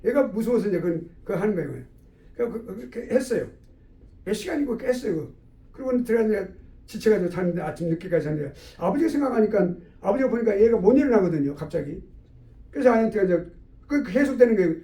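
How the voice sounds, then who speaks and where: A man lecturing quickly in a fairly high, gravelly voice, telling an animated story. It sounds like an echoey room, with the mic some way off. His tone sits on the dark, mellow side. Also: recorded from a distance. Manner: animated, with acted-out dialogue. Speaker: theology professor.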